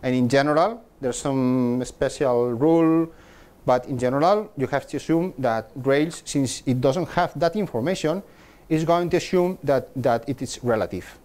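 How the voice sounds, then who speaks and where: In a meetup room with a projector screen, a middle-aged conference speaker gives a technical talk at normal speed. His voice is medium-pitched and darkish, and he often repeats words and restarts as he explains.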